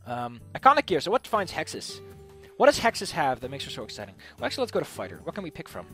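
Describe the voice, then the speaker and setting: A man casually commentating as he builds a tabletop game character, playful and thinking out loud. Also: on the high side, huge pitch swings, racing, faint music behind. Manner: playful, thinking aloud, mild swearing.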